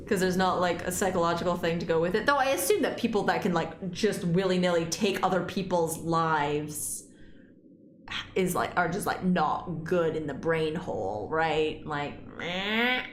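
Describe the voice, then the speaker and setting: Brief: woman, let's play host, rambling, animated musing, echoey room, faint hiss. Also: lowish voice, normal speed. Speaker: gaming channel host. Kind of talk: let's play commentary and reading aloud.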